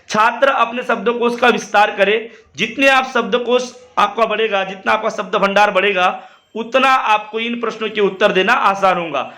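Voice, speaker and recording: Bright, high-voiced tutor. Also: male voice. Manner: repeats words slowly, addresses students directly. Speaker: teacher. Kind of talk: exam-prep lesson explaining spelling.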